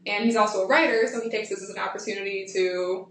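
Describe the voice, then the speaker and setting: Woman recapping calmly in an echoey room. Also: medium pitch, quick pace. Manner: explanatory, steady storytelling with occasional fillers. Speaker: podcast co-host. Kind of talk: casual podcast chat. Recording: echoey room, distant from the mic, faint noise.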